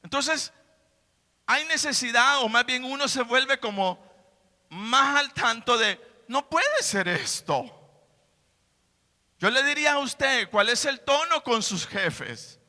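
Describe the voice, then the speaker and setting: A man's voice: very high-pitched, slow pace, bright, forceful tone, in a large hall. A man preaching a sermon in a church, emphatic, repeating his phrases. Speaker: pastor.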